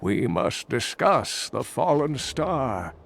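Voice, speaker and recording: Creaky, earnest old scholar. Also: male voice, medium pitch, sing-song, slow, background noise, exaggerated voice. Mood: earnest, relieved. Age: older. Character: kindly old scholar uncle, earnest and portentous. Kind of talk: fantasy video game acting. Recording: game music behind.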